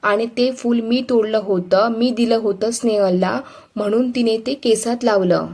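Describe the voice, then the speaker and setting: A woman's voice: on the high side, fairly even intonation, unhurried, darkish tone. A woman reading a storybook part of a flustered young husband who pleads earnestly with his mother. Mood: upset.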